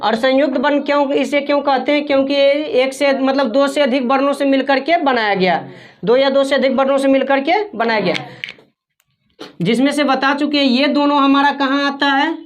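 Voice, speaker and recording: High-voiced woman teaching a class. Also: fairly even intonation, normal speed. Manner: asks the class questions and repeats the answers. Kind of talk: classroom grammar lesson.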